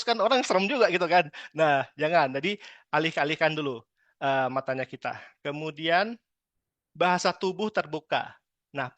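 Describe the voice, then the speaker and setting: A man from Medan giving a lively training talk on customer service, acting out customers now and then. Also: a little high, no room sound, lo-fi sound. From Medan, Indonesia. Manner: lively, chatty, acts out customer lines. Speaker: sales trainer.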